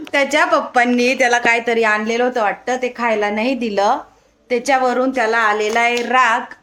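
A woman's voice: a little high, fairly bright tone. A young woman chatting casually to viewers of her home vlog, recorded on a hand-held phone, sometimes coaxing her child in a sing-song voice. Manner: chatty, talks straight to viewers. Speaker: home vlogger. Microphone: phone camera held in hand.

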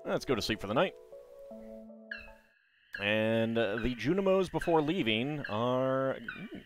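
Animated man doing casual gaming commentary. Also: mid-range voice, slow pace. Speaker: gaming video host. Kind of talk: casual let's play commentary. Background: game music.

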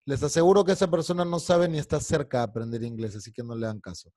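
A man's voice: a little high, steady tone, fast talker, warm tone, dry recording, studio quality. A man teaching an online English class, explaining in Spanish and drilling pronunciation by singing along to lyrics. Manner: irritated, scolding a heckler.

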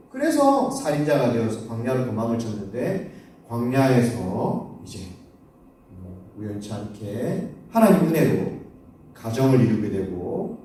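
Lively man telling a children's Bible story. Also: mid-range voice, slight background noise. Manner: animated, asks the children questions. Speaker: children's pastor. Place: church sanctuary. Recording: echoey church hall from far off.

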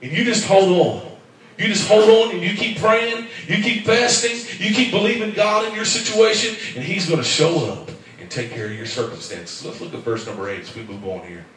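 A man preaching a fervent sermon in church, swinging from quiet asides up to shouted, rhythmic calls. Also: high voice, moderate pace, far from the mic. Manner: fervent, rising to shouts, call-and-response. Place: church sanctuary. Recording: very echoey church hall from afar.

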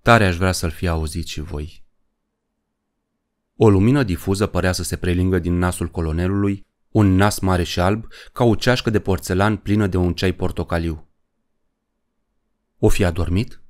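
A man with a very low, deep voice reads an audiobook aloud. His delivery is measured and even, a steady storyteller's pace. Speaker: audiobook narrator. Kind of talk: scripted audiobook narration.

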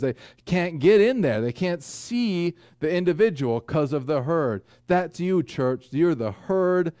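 A man in his forties preaching a sermon from a small church pulpit, earnest with folksy asides and slow, deliberate emphasis. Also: mid-range voice, dark tone, clean tone, no echo. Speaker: pastor. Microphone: pulpit microphone, far camera.

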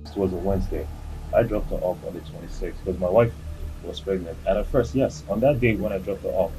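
A man answering questions in a police interview, explaining himself quickly and hedging. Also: sits low, warm tone, recorded from a distance, faint music behind, rough recording.

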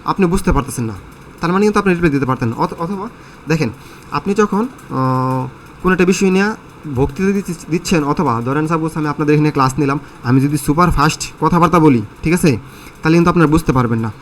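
A man's voice: fairly high pitch, fast, a little hiss or hum. A man teaching an English listening lesson, explaining in a conversational way with many fillers and questions to his students.

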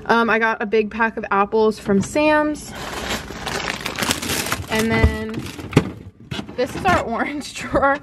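A woman's voice: on the high side, slow, pauses often, very noisy. A woman in her twenties chatting casually in a home vlog, saying "like" and "um" a lot and laughing often, filmed in her kitchen. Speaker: vlogger. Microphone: phone camera.

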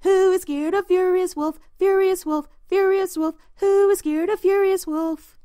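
A woman voicing three little pigs who chant and refuse the wolf in a high, loud sing-song. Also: animated, takes it slowly, dry recording, heavily acted. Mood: taunting. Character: three cheeky little pigs, small and defiant. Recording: dry close recording.

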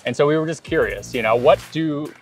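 Soft background music plays as a thirtysomething travel vlog co-host, wearing a lapel mic in a large indoor airport terminal, reads reviews aloud and chats easily. His voice is on the high side and brisk.

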